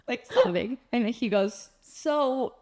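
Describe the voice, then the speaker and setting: Animated young woman telling a story. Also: a little high, extremely slow. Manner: animated storyteller, acts out quotes, laughs often. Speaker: podcast co-host. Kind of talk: casual chat.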